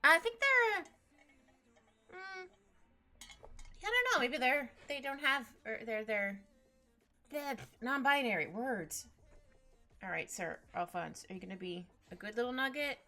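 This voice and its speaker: A woman's voice: sits high, animated, unhurried, pauses often. A young woman chatting casually with her live chat while she draws, giggly and bubbly, often trailing off and restarting. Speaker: streamer drawing live. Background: soft background music.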